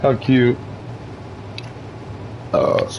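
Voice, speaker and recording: A man's voice: drawn-out words, very noisy. A young man streaming a game, chatting casually on voice chat, swearing and teasing. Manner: profane, teasing, laughing on voice chat. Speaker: gaming streamer.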